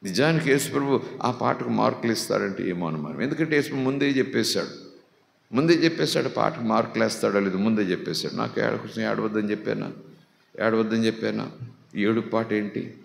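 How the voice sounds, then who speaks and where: A male pastor preaching a sermon, firing rhetorical questions that climb high and loud, then sinking low and quiet for emphasis. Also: fairly quick, gravelly. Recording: echoey hall with long reverb.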